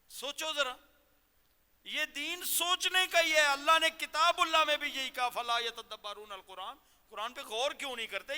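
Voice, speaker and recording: Bright high-voiced preacher in a reverberant hall. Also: male voice, smooth. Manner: exhorting, questions the audience, slows to demonstrate recitation. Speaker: cleric teaching Quran lesson. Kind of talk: Ramadan sermon. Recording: long reverb of a large hall.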